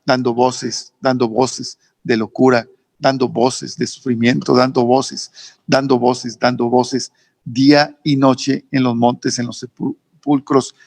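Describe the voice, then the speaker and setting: A man with a northern Mexican accent, a pastor preaching a sermon, repeating phrases emphatically and rising in pitch on key words. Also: little pitch movement, slow pace, gravelly, a little mellow, no room sound. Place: church service streamed online.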